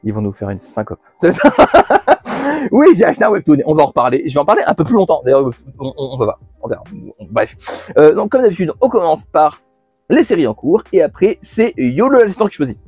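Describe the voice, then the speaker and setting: A man's voice: a little high, sing-song, quick pace, darkish tone, breathy edge, no echo, faint music behind. Chatty man hosting a manga haul. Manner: chatty, many fillers and restarts, laughs at himself. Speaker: manga channel host. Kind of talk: casual monthly haul video.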